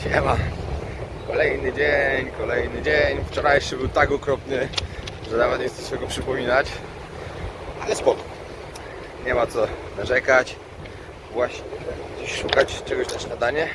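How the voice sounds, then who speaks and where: A man's voice: medium pitch, fairly even intonation, moderate pace, long pauses, very noisy. A man with a Polish accent chatting casually as a travel vlogger, rambling in slangy, colloquial speech and thinking aloud. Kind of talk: casual rambling vlog chat.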